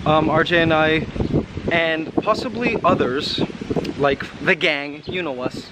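A man in his thirties chatting casually and excitedly to the camera as he walks outdoors along a city street. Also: on the high side, measured pace. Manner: animated, exclamatory, talking while walking. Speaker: vlogger. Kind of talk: casual walking vlog chat. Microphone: camera held at arm's length. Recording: outdoor city street noise, passing cars. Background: street ambience and vehicles.

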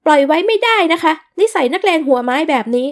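A woman voicing an indignant, domineering middle-aged mother who shouts in a shrill, curt voice in an audio novel. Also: expressive, drawn-out words, full character voice. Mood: furious.

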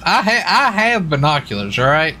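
During casual in-character gaming banter, a role-play gamer playing a US marshal rambles in a joking, folksy way. His voice is on the high side and sing-song at normal speed, with a crowd behind him and clear vehicle noise in the game voice chat.

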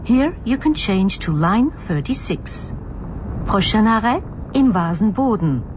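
Woman announcing stops over a bus loudspeaker. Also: big pitch swings. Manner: slow, measured, formal. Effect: heard over a bus loudspeaker. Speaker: transit stop announcer. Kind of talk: recorded stop announcements. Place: inside a moving city bus. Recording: muffled bus speaker with vehicle noise. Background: bus engine and road rumble.

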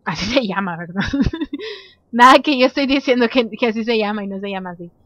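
Woman, let's-play host; chatty, reads menu options aloud, prone to excited squeals; high voice, dry lo-fi mic. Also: brisk, no echo. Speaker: gameplay commentator. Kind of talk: casual let's-play commentary.

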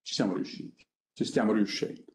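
A middle-aged man presenting a project on a panel, speaking off the cuff in a halting, conversational way with frequent pauses. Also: a little mellow, a little hiss or hum. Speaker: company innovation director presenting a project. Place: conference room seated at a panel table. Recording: echoey conference room.

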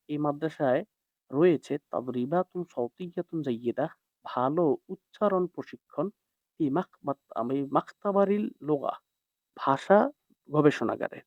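A man's voice: a little high, no room sound. A man teaching an Arabic text line by line, translating each word and checking in with his students. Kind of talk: classroom lesson explaining a text. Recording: dry, dull lo-fi sound.

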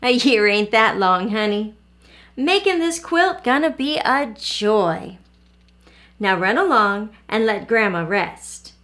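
A woman voicing an elderly grandmother who quilts, speaking in a slow, folksy dialect. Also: medium pitch, expressive, a bit bright. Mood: fond.

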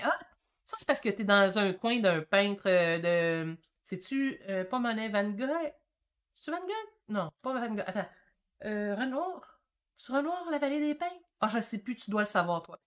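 An energetic woman in her fifties with a Québécois French accent, hosting a casual painting livestream. Her voice sits a little high, and she talks in eager bursts that swing between loud and soft. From Quebec. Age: 50s. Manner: excitable and chatty, quick shifts in energy. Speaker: painting channel host. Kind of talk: casual livestream chat reading comments.

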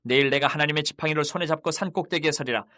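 A man reading scripture aloud in a steady, recited delivery. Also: on the high side, very fast.

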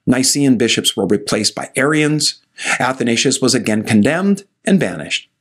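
A man's voice: mid-range voice, expressive, moderate pace, fairly bright tone, husky. A man in his sixties, a pastor, teaching church history to camera in a scripted, storytelling way with asides to the viewer, recorded on a studio mic in a study. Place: indoor study with bookshelves. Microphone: studio mic in front of him.

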